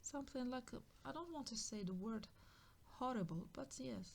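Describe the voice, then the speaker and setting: A woman reads tarot in a spiritual vein with a voice on the high side, gravelly and darkish, animated and at a moderate pace. She muses aloud, repeats herself and now and then drops to a whisper.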